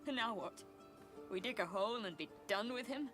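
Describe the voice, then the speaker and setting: A woman's voice: medium pitch, animated, moderate pace, over music, natural voice. An actress playing a grieving young woman in a fantasy game. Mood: mournful. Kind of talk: fantasy game character acting.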